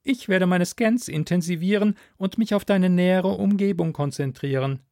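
A man voicing a calm, inquisitive male alien mentor in a measured, questioning way. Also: sits high, vocal fry, dry recording, studio quality, voice pushed up. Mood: probing.

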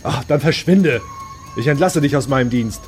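A man doing a shrill, barking gunman. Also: very animated, unhurried, vocal fry, exaggerated voice. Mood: angry. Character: hot-headed ruthless man, a bullying gunman. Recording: read over loud background music.

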